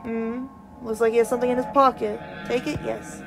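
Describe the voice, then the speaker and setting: A woman streaming a game live, reading the on-screen text aloud and reacting with excitement. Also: a little high, brisk, creaky, loud music behind the voice. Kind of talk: live gameplay commentary. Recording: loud insect and cricket noise behind.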